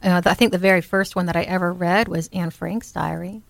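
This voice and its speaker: A woman co-hosting a podcast, talking in a thoughtful, halting casual way. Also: fairly low pitch, fairly even intonation, creaky, dry recording. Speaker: podcast co-host. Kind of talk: casual chat.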